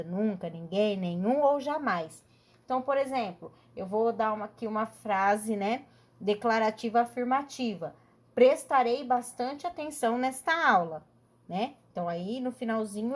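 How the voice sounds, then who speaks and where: A woman's voice: on the high side, a little mellow. A woman teacher with a Brazilian Portuguese accent, explaining a lesson patiently and often checking in with her students. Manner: patient, explanatory, tags sentences with "né?". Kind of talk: recorded online class.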